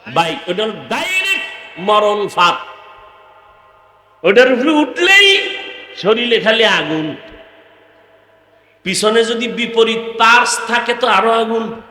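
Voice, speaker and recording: Male preacher, sing-song waz chant that rises to shouts. Voice a little high, heavy reverb. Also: sing-song, unhurried, long pauses, slight background noise. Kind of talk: Bengali waz sermon. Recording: echoey long reverb over loudspeakers.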